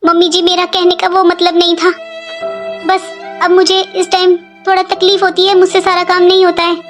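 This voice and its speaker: A performer voicing a sad, pregnant young daughter-in-law who pleads and complains softly in a cartoon story. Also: extremely high pitch, completely flat delivery, normal speed, soft background music. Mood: plaintive. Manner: plaintive, pleading. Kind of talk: animated cartoon voice acting.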